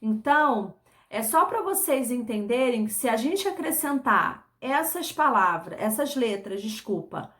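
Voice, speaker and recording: A Brazilian woman teaching a recorded lesson to young pupils, taking her time over every word. She repeats each example syllable by syllable and keeps checking in with her class. Her voice sits a little high, and she never rushes. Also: lively intonation, a bit bright. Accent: Brazilian Portuguese. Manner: slow, patient, repeats words and syllables, frequent tag questions. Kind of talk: recorded online class for children.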